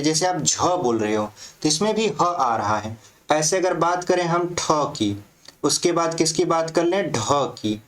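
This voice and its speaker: Hindi teacher asking and answering himself. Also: male voice, fairly high pitch. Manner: asks questions and answers them himself; spells out letters slowly. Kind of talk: exam-prep grammar lesson.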